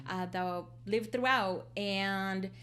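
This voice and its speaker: A woman in her forties from El Salvador, a therapist telling her story in a casual interview, reflective and halting with many fillers. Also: mid-range voice, bright, forceful tone. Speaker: guest therapist.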